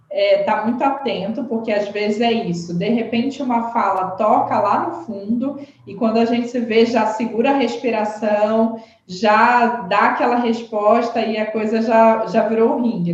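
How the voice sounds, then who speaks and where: A woman explaining communication habits in conversation, animated and tagging her sentences with questions. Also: fairly high pitch, a little hiss or hum. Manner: animated, frequent "né?" tags. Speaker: communication expert guest. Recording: very echoey dull-sounding room.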